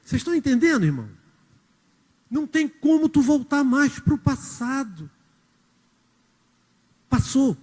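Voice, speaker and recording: A man's voice: extremely high pitch, sing-song, measured pace, long pauses, a little mellow. A man preaching a sermon as a church elder, telling stories and speaking directly to the congregation. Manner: storytelling, acts out quotes, addresses the congregation directly. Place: church hall. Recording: reverberant church hall.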